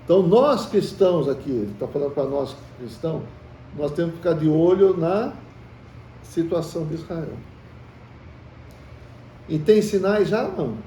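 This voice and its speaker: This man's voice is a little high and warm, with lively intonation, a slightly slow pace, and long pauses. With a Brazilian Portuguese accent, he leads a conversational Bible study, firing questions at the group and calling them brothers. The audio is echoey, distant, and faintly hissy.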